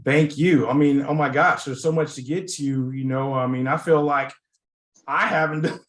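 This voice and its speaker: A podcast host, a man with a fairly high voice, gushes and rambles through his questions. The room around him rings with echo. His tone stays eager and wordy. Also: fairly even intonation, moderate pace. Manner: effusive, rambling, repeats "oh my gosh". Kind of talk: interview host. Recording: roomy echo.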